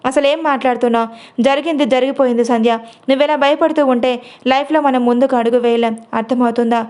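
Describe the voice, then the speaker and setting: A woman's voice: high-pitched, fairly even intonation, quick pace, darkish tone, clean tone, natural voice. A woman storyteller voicing a protective young man who comforts and then scolds in a storybook. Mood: angry. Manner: firm and scolding. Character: protective young man, tender but quick-tempered.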